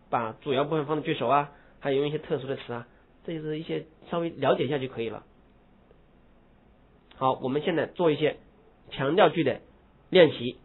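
A man's voice: mid-range voice, slightly rough. A man teaching English grammar to a class, explaining step by step and stressing key words. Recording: tinny phone-like classroom recording.

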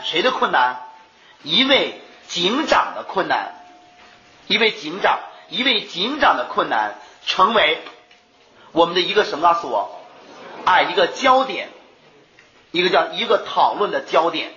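In a lively English exam class, a male teacher fires rhetorical questions at his students and answers them himself. His voice is on the high side, he speaks a little slowly with frequent pauses, and the recording is echoey and lo-fi.

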